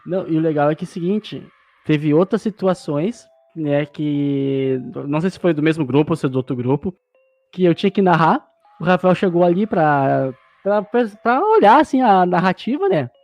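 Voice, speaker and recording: A man chatting casually on a podcast, telling quick self-mocking anecdotes about his tabletop gaming group. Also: fairly high pitch, expressive, darkish tone, no room sound. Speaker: podcast participant. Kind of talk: casual chat.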